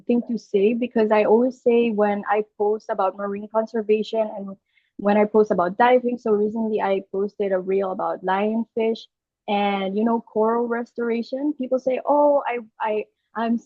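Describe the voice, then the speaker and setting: With a slightly high voice, a young Aruban woman who speaks with a Filipino accent explains her views earnestly and step by step, restarting in small ways now and then. She is a guest on a conversational podcast interview, heard through dull, dry, lo-fi call audio.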